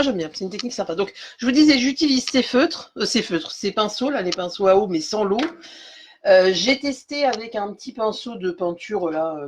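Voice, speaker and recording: A woman's voice: on the low side, a little hiss or hum. Chatty woman demonstrating a craft technique. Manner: chatty, explains step by step with many fillers; greets and thanks viewers by name as she works. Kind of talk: live-streamed craft tutorial.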